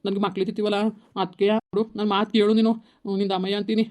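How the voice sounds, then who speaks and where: A man's voice: high voice, little pitch movement, rapid-fire, natural voice. A man playing a sheepish village husband who pleads and placates. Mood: pleading.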